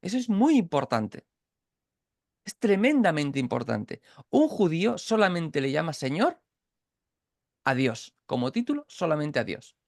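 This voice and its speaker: A man's voice: on the high side, very animated, a little slow, pauses often, a little mellow, no echo, studio quality. A man from Catalonia teaching an informal Bible study over a video call, explaining step by step with frequent restarts and checks for understanding. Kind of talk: informal online Bible class.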